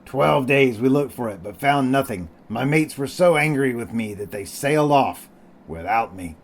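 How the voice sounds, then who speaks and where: A man's voice: mid-range voice, lively intonation. A man doing Ben Gunn, a cracked old castaway sailor. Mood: storytelling. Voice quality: cracked, rusty voice. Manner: slow, drawling sailor's speech. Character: ragged, half-wild old marooned male sailor.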